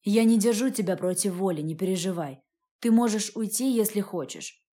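A woman's voice: medium pitch, lively intonation, normal speed, dark tone, lightly acted. A woman reading the lines of a cold, domineering wealthy man in an audiobook, speaking curtly. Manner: curt and cold.

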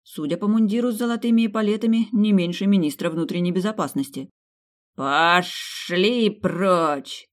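A woman reading a humorous fantasy audiobook in first person, lively and ironic. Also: mid-range voice, fast, few pauses. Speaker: audiobook narrator.

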